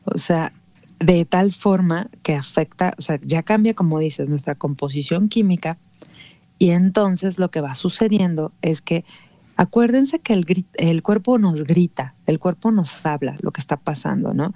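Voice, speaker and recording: A woman's voice: on the low side, measured pace, dark tone, no room sound, highs cut off. A woman, a guest who explains emotional topics patiently and often adds a questioning "no?". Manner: patient, explaining with many rhetorical "¿no?" tags. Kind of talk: explanatory conversation.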